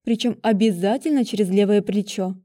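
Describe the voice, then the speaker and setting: Speaking a little fast, a woman with a dark, mid-range voice that sounds close to her everyday one performs a grumbling, bossy witch giving strict orders in an audiobook.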